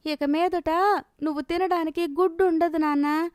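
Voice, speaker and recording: A woman voicing a poor village mother in a storybook cartoon, speaking in a gentle, pleading way. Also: extremely high pitch, steady tone, normal speed, no echo, studio quality, voice pushed up.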